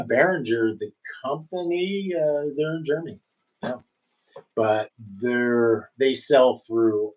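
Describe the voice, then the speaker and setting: A man's voice: sits low, low-quality recording. A middle-aged man hosting a casual livestream, rambling in an easygoing way with lots of fillers and restarts. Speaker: livestream host and musician.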